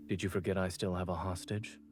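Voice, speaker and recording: An actor playing a calm, composed young male doctor in a game, speaking in a measured way with dry teasing. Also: deep voice, lightly acted. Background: game music.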